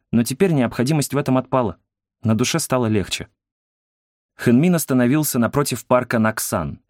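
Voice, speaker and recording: A man reading an audiobook in calm, even scripted narration. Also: medium pitch, no echo, studio quality.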